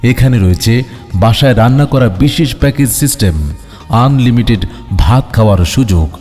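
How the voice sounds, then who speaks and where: A man making a promotional announcement over a loudspeaker, declaiming a list of dishes and prices. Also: medium pitch, fairly quick. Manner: declaiming, lists items and prices. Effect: through a loudspeaker. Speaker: advertising announcer. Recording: long reverb with background music.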